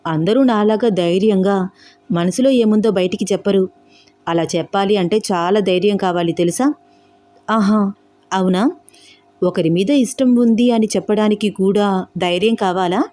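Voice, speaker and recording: A woman's voice: mid-range voice, moderate pace, long pauses, warm tone, faint music behind, lightly acted. A woman voicing an outspoken, protective young woman in a storybook romance, pressing her questions indignantly. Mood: playful.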